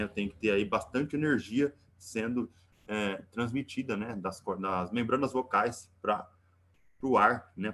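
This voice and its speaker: A man's voice: medium pitch, a bit bright, husky. A man with a Brazilian accent teaching a live online class, chatty and joking, ending nearly every phrase with a questioning "né?". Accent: Brazilian Portuguese. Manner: joking, teasing asides. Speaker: physics teacher.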